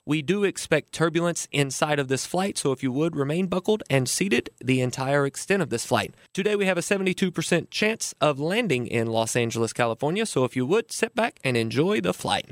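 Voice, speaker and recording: An airline captain addresses passengers over the cabin announcement, his patter brisk and smooth. A man puts him on in a fairly high voice, noticeably faster than his own talk. The recording is close and dry, with no room sound. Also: lively intonation, no echo. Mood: announcing. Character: male airline captain making an onboard announcement. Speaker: financial advisor hosting a radio show.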